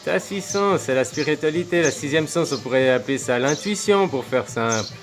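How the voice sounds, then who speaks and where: A man's voice: on the high side, expressive, moderate pace, over music. A man delivering a loose, rambling spiritual monologue to his viewers, full of fillers and rhetorical questions. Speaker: spiritual video blogger.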